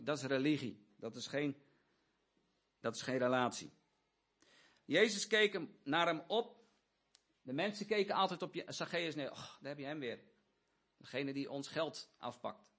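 Male preacher, fairly high husky voice, earnest sermon delivery. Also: fairly bright tone. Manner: earnest, pleading, addresses the congregation directly. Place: church.

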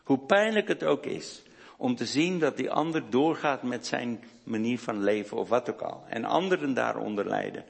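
A man preaching a sermon, speaking slowly and deliberately, with hesitations and restarts. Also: mid-range voice, animated, vocal fry. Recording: long hall reverb.

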